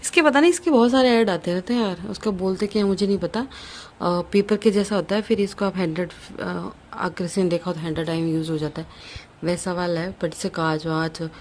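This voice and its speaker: A woman's voice: fairly low pitch, a little fast, a little mellow, a little hiss or hum. A young woman chatting casually through a home vlog. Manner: chatty, coaxing a toddler with playful repetition. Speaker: vlogger.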